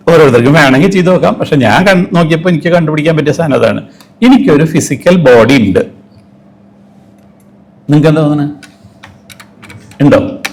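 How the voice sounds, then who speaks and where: A man's voice: fairly high pitch, rough recording. Man questioning his audience. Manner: asks the audience many questions and acts out everyday quotes. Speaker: speaker giving a talk. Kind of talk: interactive motivational talk.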